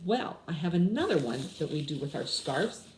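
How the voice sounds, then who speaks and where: In a small indoor room with window blinds, a woman in her sixties runs a children's story time, explaining things simply and asking the young listeners questions. Her voice is deep and a little mellow, very animated, at normal speed. The recording has a roomy echo and noticeable background noise.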